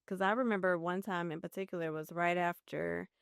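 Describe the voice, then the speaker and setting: A woman hosting a podcast, telling a personal story in a lively, animated way. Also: on the low side, a little fast, creaky, clear, resonant tone, no room sound, studio quality. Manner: animated storytelling, acts out her own panic. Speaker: podcast host. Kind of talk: casual podcast conversation.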